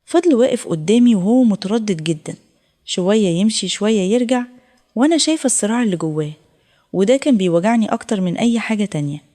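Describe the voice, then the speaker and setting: Fast-talking Egyptian woman storyteller. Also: mid-range voice. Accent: Egyptian Arabic. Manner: emotional, tearful retelling in a steady flow. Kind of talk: first-person dramatic story narration.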